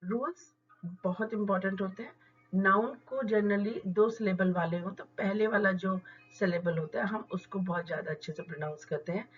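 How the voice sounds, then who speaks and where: Woman teaching a lesson, spells out words slowly, kinda muffled sound. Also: mid-range voice. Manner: slow deliberate word-by-word modelling of stress. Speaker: English teacher. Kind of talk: explanatory lesson.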